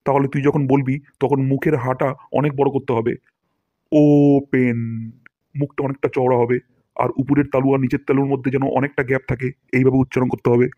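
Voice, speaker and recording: A man's voice: mid-range voice, flat delivery, fast, dry recording, narrow, tinny audio, natural voice. A man voicing a boastful, pompous male English teacher in a cartoon, scolding his pupils and acting out each word theatrically.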